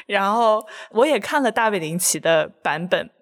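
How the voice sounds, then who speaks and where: A woman in casual podcast talk, recorded on a podcast microphone. She retells film scenes with lively energy. Her pitch sits in the middle range for a woman. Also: normal speed. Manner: animated storytelling, acts out scenes with sound words. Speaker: podcast co-host.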